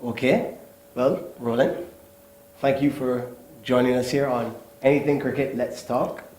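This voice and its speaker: A man's voice: mid-range voice, fairly even intonation, measured pace, a little mellow. Male host in a roomy studio. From Barbados. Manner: joking, conversational. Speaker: show host. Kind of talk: TV talk show hosting.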